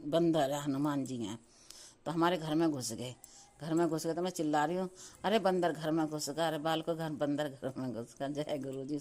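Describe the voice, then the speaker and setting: A woman's voice: low-pitched, mellow. A middle-aged woman telling a devotional testimony, repeatedly addressing listeners and chanting words of thanks. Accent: Hindi with Punjabi-flavoured devotional terms.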